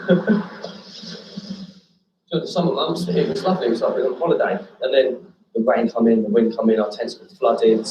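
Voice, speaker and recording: A young man talking in a documentary interview, soft-spoken and hesitant, with a resigned tone. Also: mid-range voice, echoey room, distant mic, slight background noise, poor audio.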